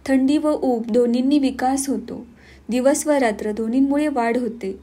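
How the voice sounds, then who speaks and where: Mellow-voiced woman narrating an audiobook. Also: high voice. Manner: measured, earnest storytelling.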